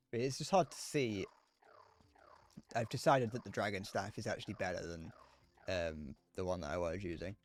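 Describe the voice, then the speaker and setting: With no echo, a young British man with a lowish, slightly whiny voice chats casually while streaming a game. His live gameplay commentary is rambling and self-deprecating, with occasional swearing.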